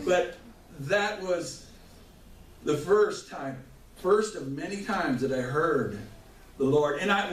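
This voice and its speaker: Fervent man testifying in an echoey church. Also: fairly high pitch. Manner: fervent storytelling with restarts and chuckles. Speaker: church member giving testimony. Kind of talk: spoken testimony before a congregation. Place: church hall. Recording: echoey room mic from far off, faint noise.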